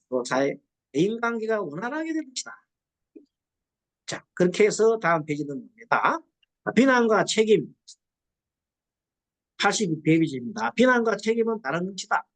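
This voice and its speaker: A middle-aged woman, a Buddhist nun, gives a classroom lecture on psychology counseling, quizzing the class and acting out quoted dialogue. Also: mid-range voice.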